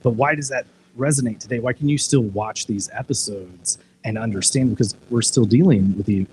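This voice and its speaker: A man's voice: mid-range voice, fairly quick, darkish tone, slight background noise, poor audio. A man speaking casually at a live discussion event, retelling a TV episode with lots of restarts and filler words. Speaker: discussion panelist.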